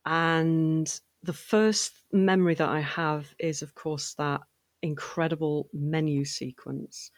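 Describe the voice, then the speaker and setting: A woman's voice: low voice, takes it slowly, no room sound. Chatty woman, dry close sound. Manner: chatty and animated, laughs often, many restarts. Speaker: podcast guest, fan voice actor and writer. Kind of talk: casual interview conversation.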